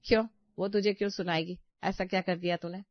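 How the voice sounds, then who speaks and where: A woman's voice: fairly low pitch, fairly even intonation, fairly quick, no room sound, natural voice. A woman voicing a stern but caring older mother-in-law in a cartoon story, with a scolding, motherly manner. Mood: chiding. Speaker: voice actor. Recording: dry, slightly dull audio.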